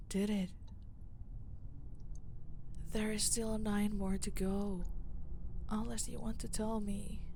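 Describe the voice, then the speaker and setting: In a roleplay audio drama, a woman with a medium-pitched voice plays a cold, domineering mafia boss, taunting and menacing, often sinking into a breathy hush. Background noise is audible.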